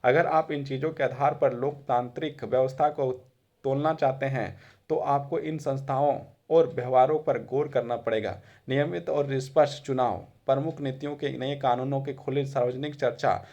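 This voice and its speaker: A man's voice: mid-range voice, steady tone, moderate pace, darkish tone, dull audio. A man giving a classroom lecture in a conversational way, repeating phrases for emphasis. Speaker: teacher.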